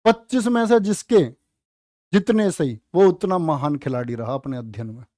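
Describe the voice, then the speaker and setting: A man teaching a live online exam-prep class, joking with students and stretching words out slowly. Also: on the high side, expressive, warm tone, no room sound, studio quality. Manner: playful, teasing, drawn-out spelling of words. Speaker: Hindi teacher.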